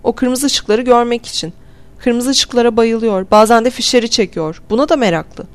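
A woman's voice: fairly high pitch, normal speed, pitched above the performer's own voice, lightly acted. A woman reading aloud, voicing a frantic young mother who pleads desperately to go home to her children. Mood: desperate pleading. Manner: pleading, raised and strained.

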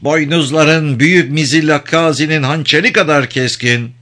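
A man voicing a calm, thin old man who soothes a raging bull with caressing flattery, in a storybook reading. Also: fairly high pitch, moderate pace, pitched above the performer's own voice. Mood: admiring. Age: older.

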